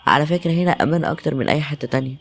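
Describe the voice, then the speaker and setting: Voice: mid-range voice, very fast, creaky, slight background noise. A voice actor with an Egyptian Arabic accent, performing an audio drama with tense, emotional delivery.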